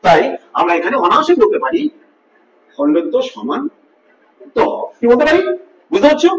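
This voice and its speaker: High-voiced man teaching grammar, echoey. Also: distant mic. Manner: repeats sample words slowly, quizzes the listener. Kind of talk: classroom-style lesson with board writing. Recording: echoey room miked from afar, faint hiss.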